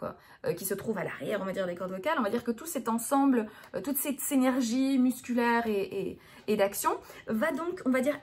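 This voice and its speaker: A woman speech therapist giving an explanatory lesson on voice, hesitant, with many fillers and restarts. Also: on the high side.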